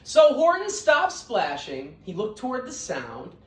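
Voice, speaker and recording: A woman reading a children's story aloud like a teacher, in an expressive, emphatic storytelling manner. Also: medium pitch, a little slow. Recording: roomy echo, distant microphone.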